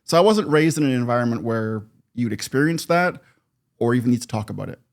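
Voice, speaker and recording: Man in his fifties from Canada, the show's producer as a podcast guest. He tells personal stories at an ordinary, middle pitch, calm and reflective but growing animated at the vivid moments. He breaks into laughter now and then. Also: quick pace. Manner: reflective, animated when recounting, laughs often. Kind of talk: personal storytelling in conversation.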